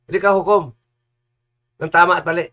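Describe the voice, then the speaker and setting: A man preaching in a heated, combative rant, repeating himself and bursting into loud insults. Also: high-pitched, fairly even intonation, a little fast.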